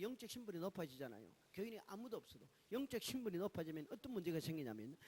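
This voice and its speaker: A man preaching a testimony sermon at a church meeting, asking questions and answering them himself, swinging from loud exclamations to hushed asides. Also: sits high, husky. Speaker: guest pastor giving a testimony.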